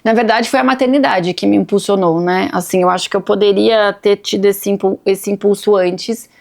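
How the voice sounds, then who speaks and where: A woman's voice: medium pitch, steady tone, moderate pace, creaky, a little mellow. A Brazilian woman in her thirties, a physician and business owner, talking casually on a podcast and acting out family quotes as she tells stories. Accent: Brazilian Portuguese.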